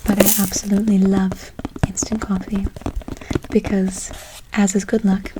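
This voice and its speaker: The woman's unhurried ASMR whisper sits at medium pitch with little pitch movement as she plays a gentle witch casting a good luck spell, lingering over repeated words and endearments. The recording is very noisy.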